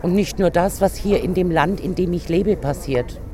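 A woman from a union migration committee, speaking emphatically in an interview clip and pausing to search for words. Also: fairly low pitch, mellow, a little hiss or hum.

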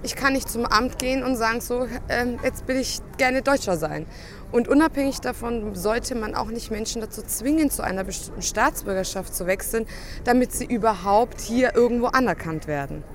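A woman who serves as a city councillor, speaking briskly and argumentatively in an interview clip outdoors. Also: a little high, animated, a little hiss or hum.

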